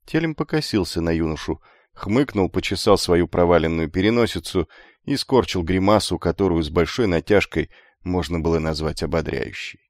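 A man narrating an audiobook in a measured, dramatic storytelling manner. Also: sits low, lively intonation, dry recording, studio quality.

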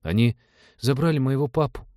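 Мужчина, озвучивающий любопытного возбуждённого мальчика в аудиокниге, с нетерпеливыми, ноющими вопросами. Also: male voice, medium pitch, normal speed, warm tone, no room sound, clean studio sound, pitched above the performer's own voice, natural voice. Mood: eager. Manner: eager, whiny questions. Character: excitable young boy, curious and chatty. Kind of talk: audiobook character voice.

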